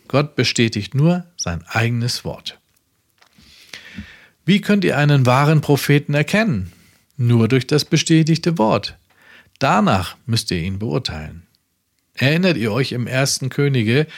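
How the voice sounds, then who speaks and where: A man reads out a sermon with measured, emphatic phrasing. His pitch sits in a middle register but moves a lot, climbing on stressed words. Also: vocal fry. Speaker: preacher. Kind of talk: reading a sermon aloud.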